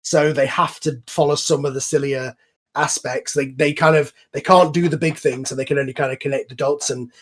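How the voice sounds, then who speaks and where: A man who hosts and created a series leads a casual online group chat over a voice call, explaining things at length. His voice is fairly high with fairly even intonation and a slightly fast pace, and his manner is enthusiastic, informal and rambling.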